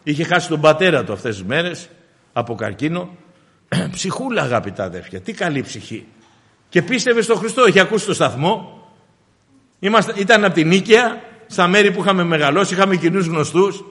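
Middle-aged male preacher, fervent, slightly high voice, reverberant hall. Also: sing-song. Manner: fervent, repeatedly addressing "dear brothers" in a dropped, quieter voice. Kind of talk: sermon.

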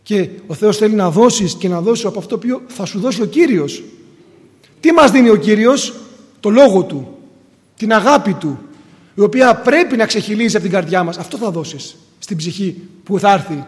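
A high-pitched man delivers an earnest sermon, alternating between loud appeals and hushed asides. His voice rings out with long reverb, as if in a large church hall. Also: animated. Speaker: preacher.

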